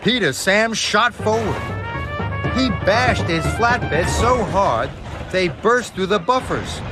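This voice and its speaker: High-voiced, slow male storybook narrator. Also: expressive. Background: music.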